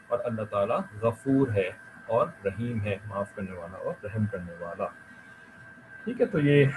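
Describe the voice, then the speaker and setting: A man teaching an online class on the translation of Quran verses. He recites the Arabic slowly and then explains each phrase in plain Hindustani, checking in with "theek hai" between points. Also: fairly low pitch, background noise.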